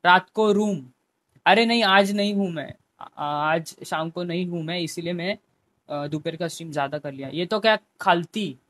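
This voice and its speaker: A young man with a fairly high voice, talking casually into a headphone mic on his game stream. He chats with viewers by name and sometimes pleads with them. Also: normal speed, fairly bright tone, a little hiss or hum. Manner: chatty, talks to chat viewers by name, pleading at times. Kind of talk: casual live-stream chat.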